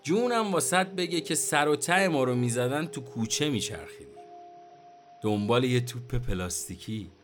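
A man acts out a middle-aged Tehrani taxi driver, chatty and complaining, full of nostalgia. His slangy speech rises and falls with great animation in a medium-pitched voice, over faint music. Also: lively intonation, natural voice. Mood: wistful, animated. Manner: chatty, complaining about today's kids, colloquial street slang.

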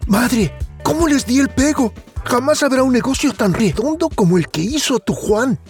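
A man voicing a boastful, cheeky peasant boy in a storybook, high and eager. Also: expressive, normal speed, darkish tone, soft background music. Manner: eager, pleading.

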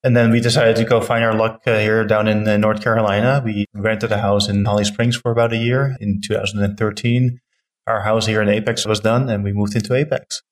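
A man's voice: fairly low pitch, little pitch movement, a little fast. A middle-aged man from the Netherlands, a town council member answering interview questions earnestly with frequent fillers and restarts.

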